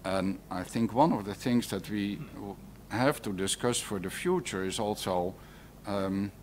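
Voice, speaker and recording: Deep-voiced man, hesitant panel speaker. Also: unhurried. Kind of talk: conference round-table remarks. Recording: live conference recording, faint noise.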